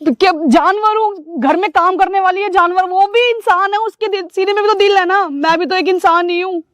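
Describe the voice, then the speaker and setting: A woman's voice: very high-pitched, normal speed, fairly bright tone, no room sound. A woman acting a distressed young wife in a staged family drama, pleading and accusing. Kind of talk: scripted social drama acting.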